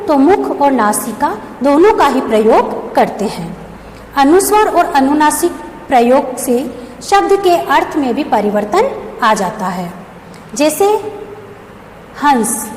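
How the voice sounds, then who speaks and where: A woman teacher with a high, lively voice talks a class through a grammar lesson, posing questions and answering them herself. She is recorded in a roomy school space with a long echo. A faint hum sits behind her. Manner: explains step by step, asks and answers her own questions. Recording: echoey room with long reverb, faint background hum.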